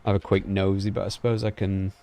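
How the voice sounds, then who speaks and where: A man streaming games, chatting and thinking aloud in a relaxed way. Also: low-pitched, fast talker. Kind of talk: casual reaction livestream.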